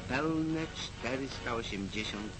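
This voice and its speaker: A man giving old newsreel narration, measured and declamatory, exhorting his listeners. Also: mid-range voice, expressive, poor audio. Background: music score under the voice.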